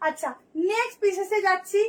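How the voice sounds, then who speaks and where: Very high-pitched hoarse chatty woman. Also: a little fast. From Kolkata, India. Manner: chatty, nonstop talker. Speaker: boutique seller. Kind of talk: live sales showcase.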